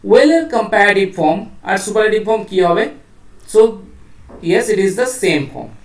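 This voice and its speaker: A woman's voice: mid-range voice, far from the mic. A woman with a Bengali accent teaching an English grammar lesson, explaining rules step by step and asking her students questions as she goes. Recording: echoey room, voice off mic.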